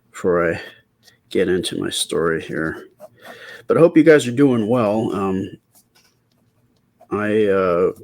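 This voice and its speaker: A middle-aged artist and channel host draws while telling a casual ASMR-style story, talking softly in a quiet, hesitant, rambling manner. His voice is lowish and soft-spoken.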